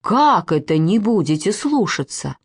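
A woman reading a storybook, voicing a strict father who scolds his daughters slowly and deliberately. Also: mid-range voice, big pitch swings, slightly rough, dry recording, studio quality, full character voice. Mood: indignant. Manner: slow, threatening, deliberate.

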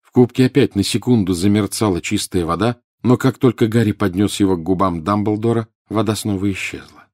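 Low-voiced male audiobook narrator. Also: brisk, darkish tone, no echo, studio quality. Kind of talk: scripted narration.

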